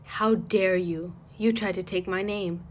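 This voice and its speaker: A woman voicing an enraged, possessed teenage superheroine in a fan story, with a loud, accusing delivery. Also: mid-range voice, fairly even intonation, a little slow, a little hiss or hum, lightly acted. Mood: furious.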